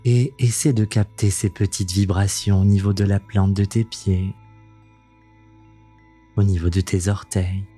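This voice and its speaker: A man leading a guided meditation in a soothing, gentle, intimate voice that sounds close to the ear, unhurried and calming, as the host of the practice. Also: sits low, slightly rough, soft background music. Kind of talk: slow guided meditation narration.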